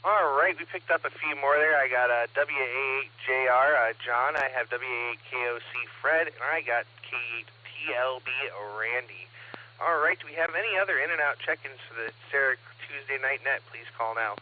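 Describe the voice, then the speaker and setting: A man's voice: mid-range voice, moderate pace, slight background noise. Man calling a ham radio net over the air. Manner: steady, methodical, reads back call signs. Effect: two-way radio transmission. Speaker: net control operator. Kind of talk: amateur radio net check-ins. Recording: narrow, phone-like radio audio.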